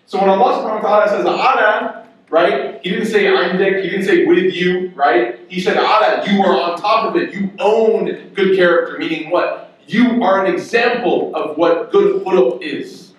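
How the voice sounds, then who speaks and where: A man's voice: sits high, moderate pace, dull audio. A young man, an imam, giving a Friday sermon in a mosque, telling stories and often asking "right?" to the listeners. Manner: storytelling, acts out quoted voices, asks rhetorical "right?". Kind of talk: sermon with storytelling. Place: mosque prayer hall. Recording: very echoey hall, mic at a distance.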